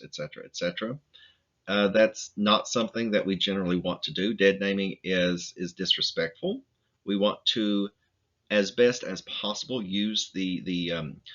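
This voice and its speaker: A man giving a recorded lecture presentation, speaking in a halting way with many restarts and fillers. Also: low-pitched, a bit bright, lo-fi sound.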